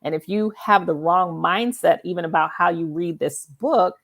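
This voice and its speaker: Her voice sits lowish and moves at a moderate pace. She hosts a conversational talk show interview, explaining with emphasis and regularly checking in with the listener through questions like "right?".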